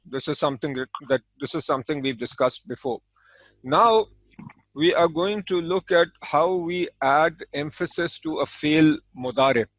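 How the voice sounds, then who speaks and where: A man teaching an Arabic grammar lesson, explaining calmly and step by step, with Arabic terms spoken in between. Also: on the high side, normal speed, no room sound, low-quality recording. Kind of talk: recorded language lesson.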